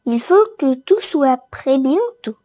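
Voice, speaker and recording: Lady doing small earnest forest critters in a toddler storybook, expressive high voice. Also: takes it slowly. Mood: eager. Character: group of earnest, well-meaning small woodland animals.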